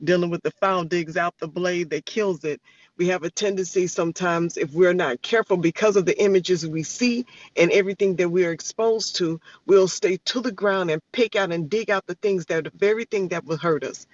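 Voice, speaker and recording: A man's voice: high-pitched, brisk, dry recording. A man speaking earnestly and passionately as a guest, sometimes searching for words. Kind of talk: earnest reflective speech. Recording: dull lo-fi online audio.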